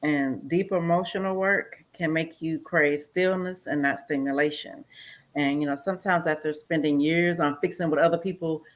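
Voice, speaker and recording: A woman co-hosting a casual talk, giving gentle, reassuring advice. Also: sits low, steady tone, moderate pace. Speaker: podcast co-host. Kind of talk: supportive advice in casual chat.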